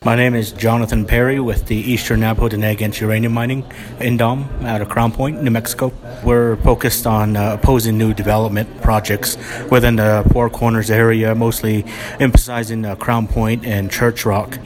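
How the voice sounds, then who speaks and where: A man activist speaking in an interview, even and deliberate with the odd filler. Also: on the low side. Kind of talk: interview statement. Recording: crowd audible behind.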